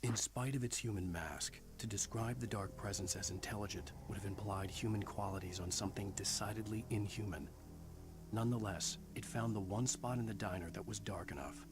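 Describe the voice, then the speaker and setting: Casting: man as troubled male writer narrating a game thriller, low brooding voice over loud music. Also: brisk, close to an everyday voice. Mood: ominous. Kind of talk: scripted video game narration.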